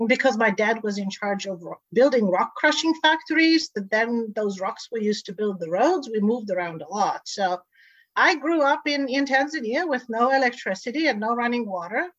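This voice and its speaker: A woman from Bulgaria, a guest on a podcast, telling her story with animated energy and frequent laughs over a video call. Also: a little high, moderate pace, no room sound. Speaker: guest, energy board chair. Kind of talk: interview conversation. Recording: dull dry video call audio.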